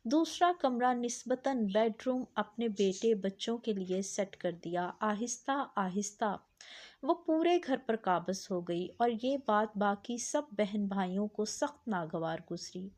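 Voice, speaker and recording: A woman narrating a scripted family story in a steady, even reading voice. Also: medium pitch.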